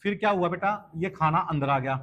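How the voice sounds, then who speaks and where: A man's voice: fairly high pitch, brisk, a bit bright, dull audio, a little hiss or hum. A man teaching biology for an entrance exam, asking questions and answering them himself, addressing students as "beta", with science in pronunciation. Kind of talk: exam-prep lecture.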